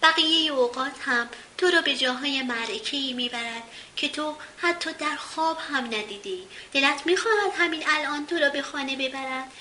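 A woman's voice: sits high, bright, forceful tone. A woman voicing a wise little male forest being who speaks in an earnest, cautioning way, in a roomy recording with faint hiss.

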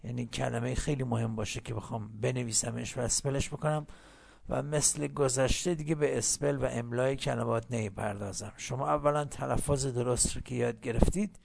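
Male English teacher, heavy vocal fry, patient, repeats phrases slowly. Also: mid-range voice, fairly even intonation, darkish tone. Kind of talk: recorded language lesson.

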